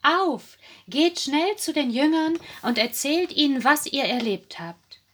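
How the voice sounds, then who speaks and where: A woman voicing Jesus in a told Bible story, speaking gently but with urgency. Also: high-pitched, lively intonation, slow, voice pushed up. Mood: urging.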